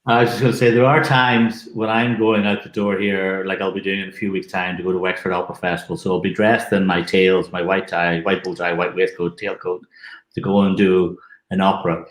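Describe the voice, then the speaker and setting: A man's voice: deep voice, little pitch movement, a little fast. A man, a musician guest telling anecdotes in a casual interview. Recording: roomy, echoing sound.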